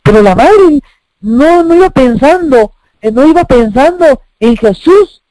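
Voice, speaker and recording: This unhurried sermon comes from a man whose very high, lively voice rises and falls dramatically as he repeats phrases and throws out rhetorical questions with emphasis. The sound is close-miked with no echo and low quality.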